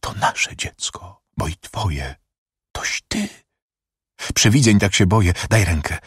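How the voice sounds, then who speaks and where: Frantic young prisoner woman in a storybook reading, pleading and raised, acted by a man with a husky low voice. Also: huge pitch swings, slow, no echo, clean studio sound, heavily acted. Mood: anguished. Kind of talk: audiobook reading of a verse drama.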